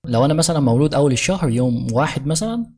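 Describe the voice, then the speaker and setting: A woman with an Egyptian Arabic accent teaching English from a sitcom scene, explaining briskly and saying the English lines slowly and carefully. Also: very deep voice, lively intonation, dark tone.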